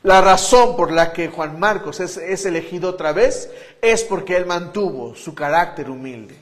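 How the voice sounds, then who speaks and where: A pastor preaching a sermon to his church, emphatic, shifting between loud declarations and hushed appeals. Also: high-pitched, normal speed.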